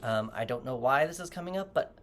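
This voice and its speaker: In a loose, rambling reading to camera, a tarot reader speaks straight to the viewer with gentle advice, often catching and correcting themself. Their mid-range voice is animated and fairly quick.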